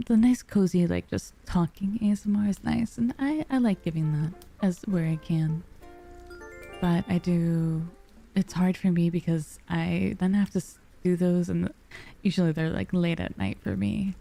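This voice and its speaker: A woman livestreamer with a soft, cozy storybook voice, chatting casually and affectionately with her viewers, using pet names. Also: on the low side, normal speed, vocal fry, faint music behind. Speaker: livestreamer, VTuber.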